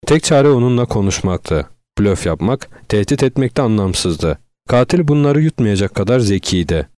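A man narrating an audiobook in a steady, measured voice. His pitch sits low and deep. The recording is close and completely dry, with no room around it. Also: no echo. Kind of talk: audiobook reading.

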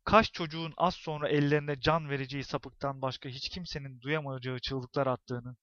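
A man's voice: mid-range voice, steady tone, moderate pace, dry recording, highs cut off, natural voice. A man voicing a grim, unhinged middle-aged woman neighbor in a spoken story, with theatrical, ominous delivery. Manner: theatrical, ominous, rising to shouts.

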